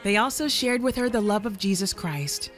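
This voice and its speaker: A woman narrating a scripted documentary in a measured, even storytelling manner. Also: medium pitch. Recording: soft music underneath.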